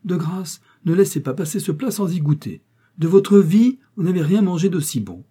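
A man voicing a loud, pushy wife urging her husband at a dinner table. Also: lively intonation, moderate pace, husky. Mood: insistent. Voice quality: booming, mouth-full bluster.

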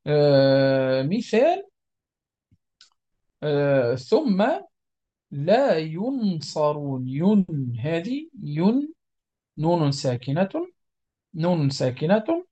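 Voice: mid-range voice, big pitch swings, drawn-out words, pauses often, mellow, highs cut off. A Quran recitation teacher giving a methodical, step-by-step lesson, repeating each example and drawing out the nasal sounds to show them.

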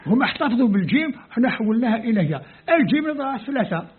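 A man's voice: very high voice, big pitch swings, rapid-fire, breathy edge. A man from Algeria speaking Arabic with an Algerian accent, Kabyle his first language, lecturing as a scholar and sounding out letters and words step by step. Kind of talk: explanatory lecture. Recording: tinny phone-like lo-fi audio.

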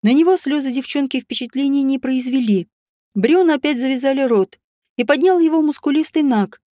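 A woman narrating a fantasy audiobook in an expressive storytelling manner. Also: high-pitched, brisk, no room sound, clean studio sound. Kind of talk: scripted narration.

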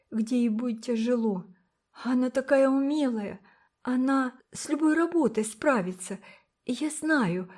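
A woman voicing a timid little girl who pleads earnestly in a high, gentle voice. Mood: pleading.

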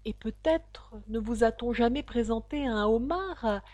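Lady doing a weepy mock turtle, sad and sighing, bit high, dry close sound. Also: darkish tone, no echo. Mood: mournful. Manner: tearful, sighing, sings slowly and sadly. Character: sorrowful sobbing mock turtle.

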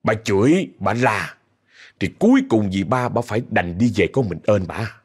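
Male storyteller, Southern accent, chatty, directly addresses the audience, very expressive pitch. Casual oral narration. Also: normal speed, husky. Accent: Southern Vietnamese.

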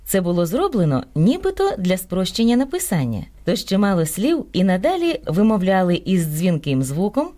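A woman co-hosting a radio program, reading a script in a clear, measured way. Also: mid-range voice, huge pitch swings, dark tone, no room sound. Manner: clear, measured explanatory delivery. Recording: dry radio studio with faint music.

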